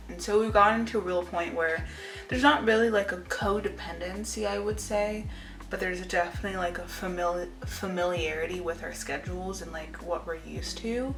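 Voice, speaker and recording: Low-pitched young woman chatting casually in a roomy space. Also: a bit bright. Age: 20s. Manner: informal, rambling, confiding. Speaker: lifestyle vlogger. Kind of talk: casual chit-chat to camera. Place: indoor room at home. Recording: roomy echo with music behind. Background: music.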